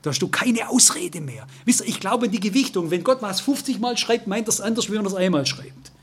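A man's voice: sits high, expressive, a little fast, slight background noise. An older man with a Swabian accent preaching a sermon, talking emotionally and turning to his listeners again and again. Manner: emotional, addresses listeners directly, repeats "you know".

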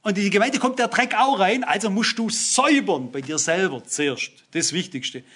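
High-voiced husky preacher man. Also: animated, normal speed, a bit bright. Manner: earnest, addresses listeners with "wisst ihr", cites Bible verses. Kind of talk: sermon.

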